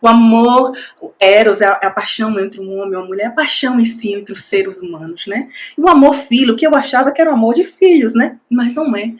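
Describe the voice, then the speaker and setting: A woman's voice: a little high, quick pace. A woman, a master's student and school coordinator, giving an emotional, effusive tribute speech. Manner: effusive, emotional, repeats the listener's name.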